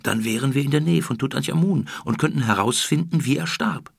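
A man voicing a bold, carefree young girl in an audiobook, in a raised voice that stays gravelly and husky. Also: mid-range voice, brisk, no echo, clean studio sound, voice pushed up. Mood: eager.

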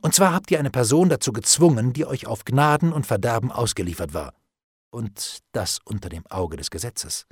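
A man voicing a calm, ironic nobleman in an audiobook, speaking in a low, measured voice with cool menace. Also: slightly rough, dry recording. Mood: icily calm. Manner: calm, dry, ironic, unhurried. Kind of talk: audiobook character reading.

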